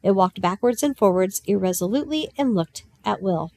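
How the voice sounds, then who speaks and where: A woman narrating a novel in a calm, even reading voice. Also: medium pitch, brisk, no echo. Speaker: audiobook narrator. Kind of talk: storybook narration.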